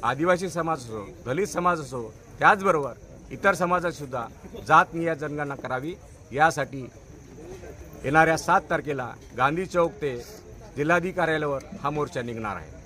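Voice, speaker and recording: Bright-voiced organizer, emphatic. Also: male voice, on the high side, normal speed. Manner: emphatic, choppy delivery in short phrases. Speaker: protest organizer at a press conference. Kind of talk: press statement to reporters. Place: press conference.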